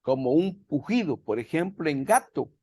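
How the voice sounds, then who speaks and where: A man's voice: fairly high pitch, very animated, moderate pace, warm tone, breathy edge. A man teaching a language class over a video call, patiently repeating words so his students can follow. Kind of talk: virtual class explanation.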